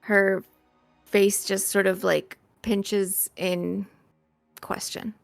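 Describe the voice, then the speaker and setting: A woman narrating as game master in a tabletop game, in a relaxed, hesitant way. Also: medium pitch, extremely slow, vocal fry, no echo, faint music behind.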